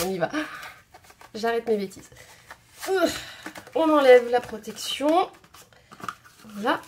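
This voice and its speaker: A woman's voice: high-pitched, a little mellow, a little hiss or hum. A woman hosting a craft video at home, chatting casually and thinking aloud with many hesitations. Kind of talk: casual tutorial chat. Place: home craft table indoors.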